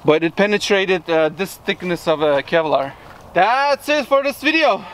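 Man in his thirties, high-voiced vlog host, excitable, recorded outdoors with faint background noise. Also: moderate pace. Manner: excited, laughing often. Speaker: video host. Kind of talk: casual vlog commentary. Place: outdoors in an orchard.

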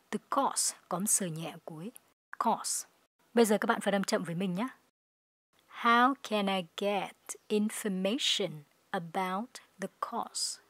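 A Vietnamese-accented woman gives a pronunciation lesson in a mid-pitched voice. She explains words and then reads phrases slowly and clearly. The recording is dry and close. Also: no room sound. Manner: slow clear model readings of English phrases. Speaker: English pronunciation teacher.

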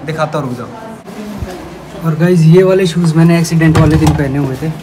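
A man's voice: a little high, brisk, noisy background. A young man talking casually to camera in a vlog, chatty, showing viewers things around his home. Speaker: vlogger. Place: at home, indoors and by a parked bike.

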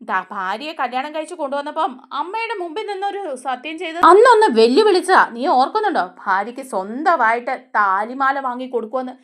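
A woman's voice: sits high, expressive, fairly quick, few pauses, fairly bright tone. A woman voicing a man who taunts his brother over a broken promise. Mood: taunting.

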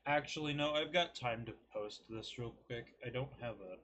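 A man's voice: medium pitch, moderate pace, a bit bright, slight background noise. A man in his early twenties rambling casually to a desk webcam in a small bedroom, joking and mocking himself as he reviews food. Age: 20s. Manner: self-deprecating, rambling, joking. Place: small cluttered bedroom, indoors.

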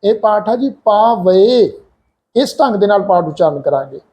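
Mellow-voiced man teaching careful recitation. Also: high voice, big pitch swings, dull audio. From Punjab, India. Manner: patient, slowly drawing out and spelling out syllables; polite, respectful address to the listeners. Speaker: scripture pronunciation teacher. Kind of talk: religious lesson.

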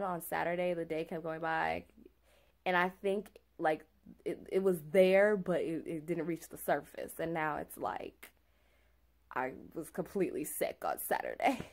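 A woman's voice: lowish voice, vocal fry. Chatty young woman telling a story. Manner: chatty and animated, full of "like" and "okay?". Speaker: vlogger. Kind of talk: casual storytelling vlog.

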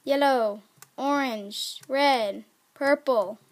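A woman giving casual, excitable commentary while playing a game, chatty and prone to squeals. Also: high voice, drawn-out words. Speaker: gaming video creator.

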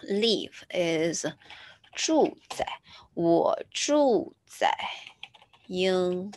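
Slow, patient woman teaching Chinese. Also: on the low side, animated, darkish tone. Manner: patient, repeats each word slowly. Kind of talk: slow screen-share language lesson.

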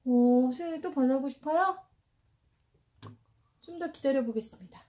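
A woman's voice: high-pitched, moderate pace, mellow. A young mother in her home, narrating play with her baby in a cooing, exclamatory, sing-song way. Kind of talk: playful parenting vlog narration. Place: home indoors.

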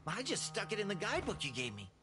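Cocky little boy dragon from a game, wisecracking, really animated, music behind. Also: mid-range voice, fast talker. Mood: casual. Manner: breezy, wisecracking. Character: cocky young male dragon, small and cheeky. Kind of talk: animated video game cutscene acting. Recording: game audio under prominent music.

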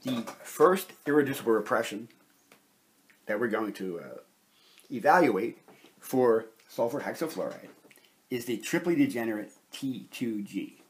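A chemistry lecturer with a mid-range, husky, expressive voice narrates a methodical whiteboard lesson at a slightly slow pace. He explains each point in turn, step by step.

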